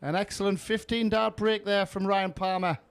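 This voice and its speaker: High-pitched male darts commentator. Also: fairly even intonation, moderate pace, smooth. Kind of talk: live sports commentary.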